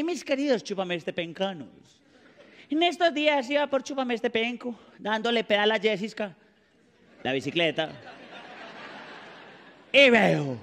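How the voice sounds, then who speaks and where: A Colombian man with a Paisa accent doing a stand-up comedy monologue on a TV stage, animated and mugging as he banters with the audience. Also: very high-pitched, big-room sound. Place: TV studio stage before a live audience.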